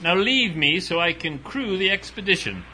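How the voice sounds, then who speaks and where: A pompous colonel-explorer straight out of an audio adventure serial. He blusters and boasts with a bright, forceful tone and a voice that leaps up and down. A faint ambient hiss sits underneath. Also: high voice, lively intonation, moderate pace, full character voice, rough recording. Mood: boastful. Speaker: Colonel Nichols. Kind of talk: radio drama acting.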